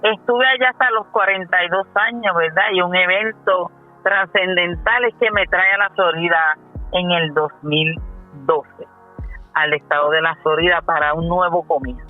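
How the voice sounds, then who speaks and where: A Puerto Rican minister in her fifties earnestly shares her faith testimony on a radio show, sprinkling in frequent "eh" and "¿verdad?" asides. Her fairly low voice keeps a steady tone at a moderate pace. The sound is phone-quality with faint music behind.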